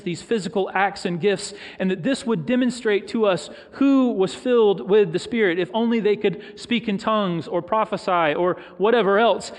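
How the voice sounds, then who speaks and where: High-voiced male preacher in an echoing hall. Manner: storytelling, reflective, with pauses for emphasis. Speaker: pastor. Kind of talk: sermon. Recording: long reverb of a large hall.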